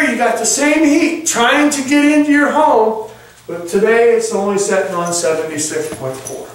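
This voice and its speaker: A man's voice: very high-pitched, fairly bright tone. A man giving a live product demonstration, reading temperatures aloud and checking in with the audience with a folksy "okay?". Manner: reads out numbers like an auctioneer. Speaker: product presenter. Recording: echoey room, mic far off.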